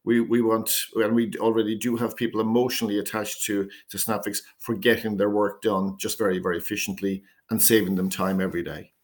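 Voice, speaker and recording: A man who founded a company, answering interview questions in a steady, measured way with occasional repeated words. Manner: measured pitch, repeats words when starting phrases.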